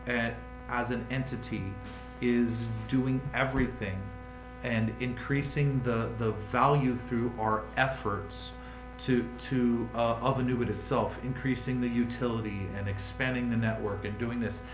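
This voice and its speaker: A man's voice: medium pitch, fairly even intonation, a little slow. A man hosting a livestream, reading news headlines aloud and riffing on them in a rambling, casual way. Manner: rambling, reads headlines then riffs. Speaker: livestream host. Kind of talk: casual crypto news chat. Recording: echoey room with music behind.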